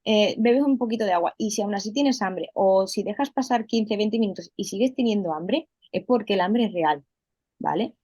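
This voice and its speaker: A woman's voice: mid-range voice, normal speed, mellow, no echo. A woman coach explaining things in a casual interview, with many fillers and restarts. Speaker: holistic health coach, guest. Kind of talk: conversational interview.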